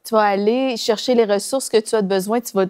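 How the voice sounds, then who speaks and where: Femme co-animatrice au ton posé. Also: female voice, mid-range voice, fairly even intonation, fairly quick, a little mellow, clean tone. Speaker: talk show co-host. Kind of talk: faith talk show conversation.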